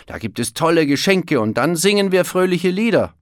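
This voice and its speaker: An eager young wolf, voiced by a man talks excitedly in a high, lifted voice. He is cheerful and persuasive in this storybook tale, recorded dry and close. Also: normal speed, dry recording, natural voice. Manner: enthusiastic, persuasive. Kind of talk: storybook read-aloud.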